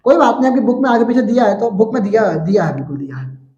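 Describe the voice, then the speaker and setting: A man's voice: high-pitched, very animated, fast, mellow, echoey room, muffled recording, a little hiss or hum. A man teaching a physics lesson in class, chatty, calling students brother and telling little stories, with a Central Indian Hindi accent. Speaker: science teacher.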